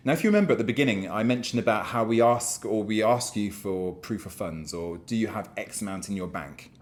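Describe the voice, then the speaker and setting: A man's voice: lowish voice, a little fast. A man with a British accent giving casual, blunt talking-to-camera advice as a real estate business owner, often repeating words as he goes. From United Kingdom.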